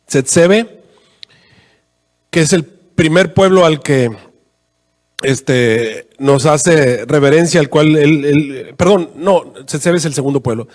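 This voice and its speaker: A man preaching a sermon as a pastor, telling a story with animated quoted voices and frequent fillers. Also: slow pace. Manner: animated, rising to high pitch in quoted prayers, many fillers "este". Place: church. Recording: long reverb in a church hall.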